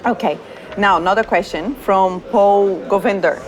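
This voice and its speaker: A woman with a Brazilian accent, a product manager hosting a community Q&A, cheerfully reads viewer questions to a colleague in a casual chat, laughing often. Her voice is mid-range at a moderate pace, and the audio is poor.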